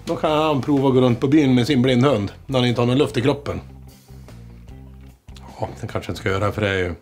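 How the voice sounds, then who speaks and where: Over soft background music, a man with a medium-pitched, slightly mellow and lightly acted voice plays a comedic aspiring songwriter. His boastful, petty small-town rock-singer wannabe rambles and curses constantly in a small-town Swedish accent, addressing the camera in a mockumentary monologue.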